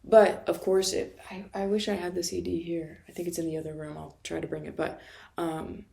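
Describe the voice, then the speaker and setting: A woman's voice: lowish voice, little pitch movement, brisk, gravelly, mellow. A woman from Florida telling a rambling, profane, self-mocking story in a casual monologue and laughing often. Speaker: vlogger.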